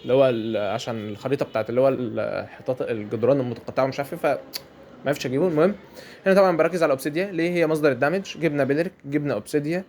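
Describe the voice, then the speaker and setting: A man's voice: medium pitch, racing, a little mellow, a little hiss or hum. A man with an Egyptian Arabic accent giving chatty commentary over a mobile game match, often repeating his phrases. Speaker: gameplay commentator.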